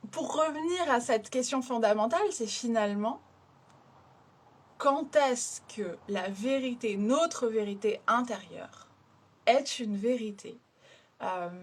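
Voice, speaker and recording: A woman explaining a therapeutic approach to her listeners, hesitant, with many fillers and restarted phrases. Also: fairly high pitch. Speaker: systemic hypnotherapist. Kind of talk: explanatory talk to an audience.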